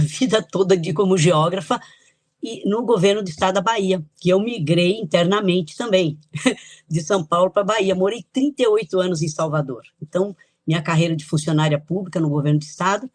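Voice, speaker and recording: A woman's voice: lowish voice, no echo. An older woman from Italy, a guest author on a podcast interview, telling her life story in a chatty, reminiscing way with light laughs.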